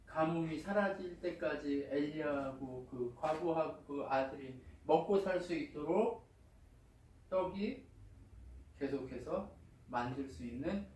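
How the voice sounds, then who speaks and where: A male pastor preaching a sermon in a church, lively and colloquial, often asking the congregation questions. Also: a little high, slow pace, a little hiss or hum. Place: church sanctuary. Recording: echoey church hall, distant mic.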